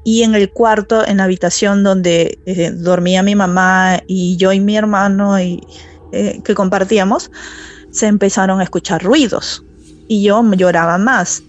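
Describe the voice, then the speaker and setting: Caller, woman, 40s, Peruvian accent, halting soft storyteller, muffled dull line. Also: mid-range voice, steady tone. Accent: Peruvian Spanish. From Peru. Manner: soft, halting, with fillers and restarts. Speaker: caller telling a true story. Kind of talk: personal storytelling on a call.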